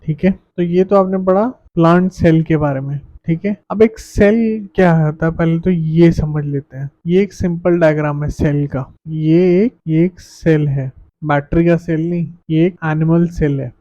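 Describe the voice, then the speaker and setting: Young Indian male tutor, fairly high voice, warm delivery, asks questions and answers them. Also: steady tone, unhurried, no room sound, dull audio. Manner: mixes Hindi with read-out English lines, asks and answers own questions. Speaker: science teacher. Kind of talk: classroom lesson.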